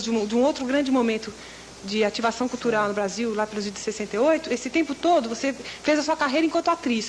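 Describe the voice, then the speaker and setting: A woman's voice: fairly high pitch, a little hiss or hum, rough recording. A woman putting a long question to a guest, searching for words with many fillers and rephrasings. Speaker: pre-recorded questioner.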